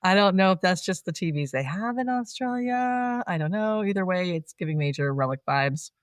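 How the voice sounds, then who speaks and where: A podcast co-host in casual chat, recapping a film plot with frequent laughs and animated asides. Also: medium pitch, moderate pace, no echo, clean studio sound.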